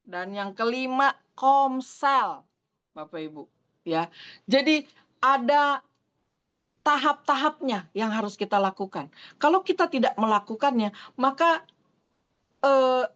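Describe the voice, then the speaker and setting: A woman pastor preaches in a high voice. She talks in a loose, conversational way, tossing in slang and asides. The audio has the muffled, lo-fi sound of a video call. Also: a bit bright. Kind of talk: sermon over a video call.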